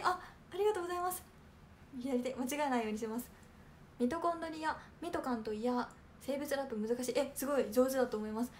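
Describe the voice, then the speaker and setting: A young adult idol trainee from Kanagawa, Japan, hosts a casual livestream, reading viewer comments and answering them. She speaks politely and softly with lots of small fillers, in a high, light voice over a faint background hiss.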